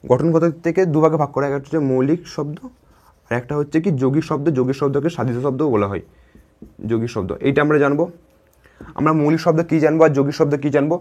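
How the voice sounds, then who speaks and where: Man, teacher, children's grammar class, rapid speech, slightly high voice, repetitive, keeps checking understanding. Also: a little mellow. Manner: repetitive, checks in with "ঠিক আছে?" often.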